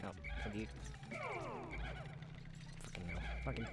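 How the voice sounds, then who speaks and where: A man's voice: on the low side, steady tone, measured pace, music in the background. A man giving casual, chatty commentary while playing a video game, muttering to himself, swearing freely and sounding exasperated at the game. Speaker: let's play gamer.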